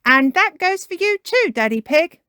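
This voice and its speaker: A woman voicing a brisk, cheery female rabbit librarian in a children's storybook. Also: extremely high pitch, sing-song, sharp tone, no echo, clean studio sound, voice pushed up, heavily acted. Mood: helpful. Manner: brisk, calling out.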